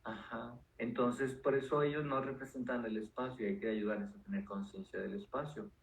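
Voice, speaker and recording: A man, a neuropsychologist guest calmly explaining ideas with frequent fillers. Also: medium pitch, moderate pace, vocal fry. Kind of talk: explanatory interview talk. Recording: roomy echo with faint noise.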